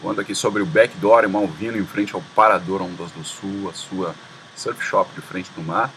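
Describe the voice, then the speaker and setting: A man hosting a surf forecast voice-over, relaxed and slangy, talking to viewers as a crowd of friends. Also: deep voice, normal speed, slight background noise. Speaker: surf report host.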